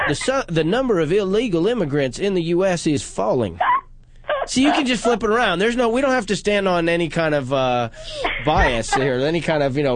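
A man's voice: on the high side, background noise. Joking, self-deprecating radio host, a man. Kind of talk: casual call-in talk.

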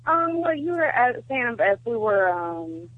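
Mellow, tired young Southern woman on phone. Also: a little high, sing-song, a little slow, no echo. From Georgia, United States. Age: 20s. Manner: reserved, mellow, hesitant. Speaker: radio show caller. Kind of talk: casual phone-in chat. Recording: dull band-limited phone call.

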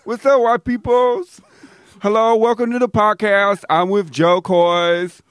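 A man's voice: high voice, animated, measured pace, a bit bright, no room sound, exaggerated voice. A man putting on a brash, exaggerated caricature persona for a podcast bit, drawling in slang. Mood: swaggering. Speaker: podcast co-host.

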